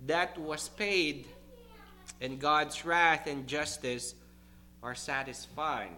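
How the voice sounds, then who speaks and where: Slow emphatic preaching man. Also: a little high, pushed and bright, slight background noise. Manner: emphatic, deliberate preaching with stressed repeated words. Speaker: pastor. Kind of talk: sermon.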